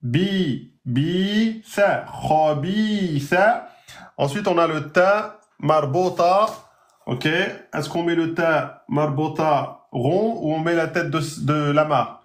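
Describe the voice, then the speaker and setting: Male language teacher in a live lesson, slow and careful, stretches out each example word, a bit higher than usual. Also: reverberant. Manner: slow drawn-out pronunciation of example words. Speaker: Arabic teacher.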